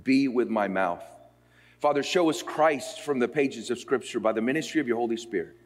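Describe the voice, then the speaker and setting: A man from Puerto Rico preaching a sermon as pastor. He reads scripture and moves between slow, emphatic phrases and quicker stretches. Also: medium pitch. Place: seminary chapel. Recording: long hall reverb.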